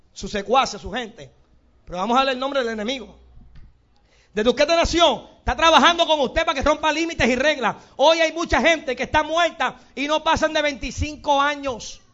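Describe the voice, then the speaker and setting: A man with a Puerto Rican accent preaching a sermon as pastor, animated and acting out little scenes with sudden shouts. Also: very high-pitched. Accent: Puerto Rican Spanish. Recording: dull lo-fi sound.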